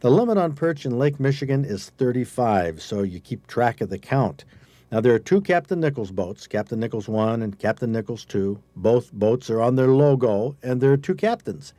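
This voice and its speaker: A man's voice: mid-range voice, animated, normal speed, warm tone, dry recording. An American man narrates a scripted outdoor feature as a reporter and host, in a folksy, conversational way.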